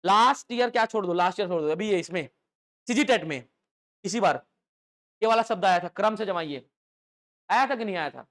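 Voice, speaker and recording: Lively male teacher lecturing a class. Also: sits high, a little fast, pauses often. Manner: call-and-response questioning, lively rhetorical checks. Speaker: English teacher for exam coaching. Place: classroom with students.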